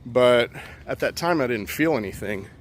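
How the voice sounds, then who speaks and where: A man's voice: medium pitch, lively intonation, moderate pace, slight background noise. A man casually telling a personal story outdoors, rambling and profane with many fillers.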